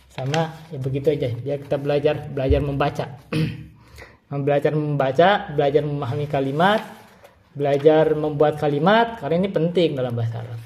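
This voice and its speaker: A man with an Indonesian accent, a native Indonesian speaker, teaching Arabic. He reads Arabic phrases slowly and then explains quickly in Indonesian. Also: fairly high pitch, darkish tone, a little hiss or hum. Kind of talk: casual classroom explanation.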